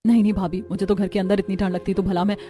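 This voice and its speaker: A woman voicing a modest, gentle young village bride in a cartoon story, speaking softly and politely. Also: medium pitch, little pitch movement, racing, faint music behind, close to an everyday voice. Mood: meek. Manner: soft, polite. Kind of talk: cartoon voice acting.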